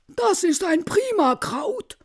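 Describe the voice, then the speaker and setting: A woman voicing a pair of brash, greedy male intruders in a recited ballad, speaking high and loud. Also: sing-song, slow pace, full character voice. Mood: pleased.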